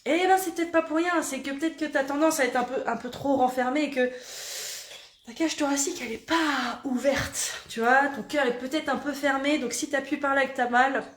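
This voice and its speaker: A woman coach guides a quick morning self-massage routine, chatty and playful and ready to laugh at herself. She puts on a southern French accent, and her voice sits a little high. The recording has an echoey room sound. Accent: put-on southern French. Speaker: body coach.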